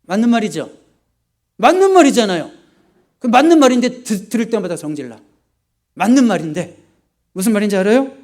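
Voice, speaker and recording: A male pastor preaching a sermon in an animated way, swinging from soft asides to loud emphasis. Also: high-pitched, fairly quick, long pauses.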